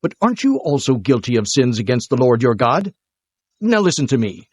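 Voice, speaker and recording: An actor playing a bold, indignant prophet, declaiming and admonishing in a dramatized scripture reading. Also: male voice, mid-range voice, very animated, brisk, breathy edge, dry recording. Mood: indignant warning.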